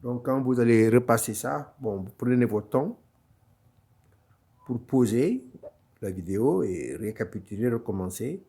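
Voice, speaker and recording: A man teaching at an unhurried, deliberate pace, with a voice of ordinary pitch. He is patient and encouraging, repeating each sound several times as he walks through a step-by-step online lesson. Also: expressive, breathy edge. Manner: encouraging, gently reassuring. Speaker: Quran recitation teacher.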